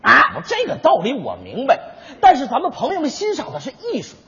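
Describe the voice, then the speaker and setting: Animated man telling a comic tale. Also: extremely high pitch, brisk. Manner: animated storyteller's delivery, sputtering when flustered. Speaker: crosstalk performer. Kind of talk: comic crosstalk storytelling. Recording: dull sound with long hall reverb.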